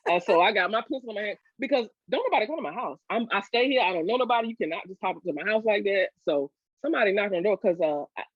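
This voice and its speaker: A woman guest telling her story, expressive and emphatic, laughing often. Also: medium pitch, racing, few pauses, slightly rough, dry recording. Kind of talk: casual storytelling conversation. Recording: slightly dull, dry sound.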